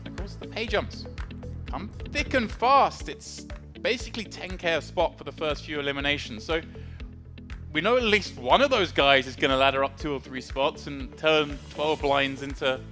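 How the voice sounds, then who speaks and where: Bright, higher-pitched male poker commentator. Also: lively intonation, moderate pace, faint music behind. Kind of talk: live sports commentary.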